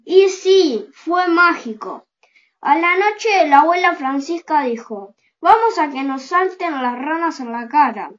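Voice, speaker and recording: A reader telling a children's story aloud, with gentle and unhurried storytelling. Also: high-pitched, expressive, lo-fi sound. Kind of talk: slow storybook reading aloud.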